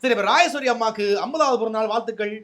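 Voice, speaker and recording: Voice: mid-range voice, racing, fairly bright tone. A presenter with a Sri Lankan Tamil accent, delivering a surprise gift and chatting in a playful, teasing way. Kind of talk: casual on-camera banter.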